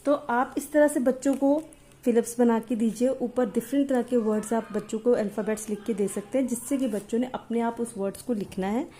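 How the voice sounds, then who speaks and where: A woman's voice: a little high, dark tone, a little hiss or hum. A young Indian woman teaching a phonics lesson in English and Hindi, sounding out letters one by one.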